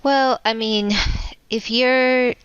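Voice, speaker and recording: A woman's voice: fairly high pitch, steady tone, smooth, no room sound, highs cut off. A woman co-hosting a casual podcast chat, speaking hesitantly with many fillers. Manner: unhurried, hesitant, filler-heavy. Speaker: podcast co-host.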